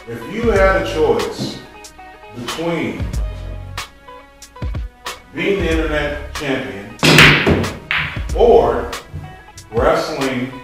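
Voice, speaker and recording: Joking man host in an echoey room. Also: on the high side. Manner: joking, laughs often. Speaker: podcast host. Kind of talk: casual chat asking questions. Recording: roomy echo, heard from a distance, music behind. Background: music.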